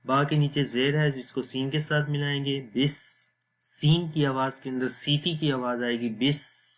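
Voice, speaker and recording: A man teaching Quran recitation, explaining each letter and then reciting slowly and drawn out. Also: mid-range voice. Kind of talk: slow recitation lesson.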